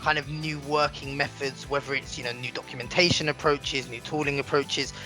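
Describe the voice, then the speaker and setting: A man's voice: medium pitch, level tone, fairly quick, bright, forceful tone, soft background music. A man hosting a casual work discussion, summarizing answers and asking follow-up questions. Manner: friendly, summarizing, asks questions. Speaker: host. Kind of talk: casual interview moderation.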